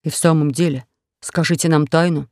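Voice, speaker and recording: A man's voice: fairly high pitch, fairly even intonation, brisk, darkish tone, dry recording, clean studio sound, natural voice. A man voicing a proper, earnest young male suitor in an audiobook, speaking decisively and primly. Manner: decisive, prim.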